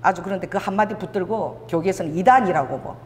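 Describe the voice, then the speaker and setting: A woman's voice: fairly low pitch, fast talker, a little mellow. A woman pastor preaching a sermon, telling stories animatedly, laughing often and acting out dialogue. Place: church sanctuary. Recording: reverberant church hall.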